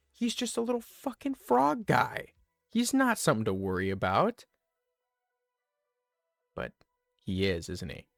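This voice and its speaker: A man's voice: mid-range voice, no room sound, clean studio sound. A man hosting a comedy video, giving a satirical in-character monologue in a mock-earnest, rambling way that keeps working him up.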